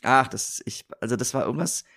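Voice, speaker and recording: A man's voice: medium pitch, fast talker, sharp tone. A man co-hosting a casual podcast chat about TV series, often restarting sentences and laughing as he tells stories. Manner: hesitant restarts, laughs while telling stories. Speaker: podcast co-host.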